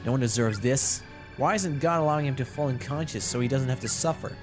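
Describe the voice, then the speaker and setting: A man's voice: mid-range voice, a little fast, over music. A man streaming a horror game, reading its text aloud in a dramatic first-person voice with wry asides.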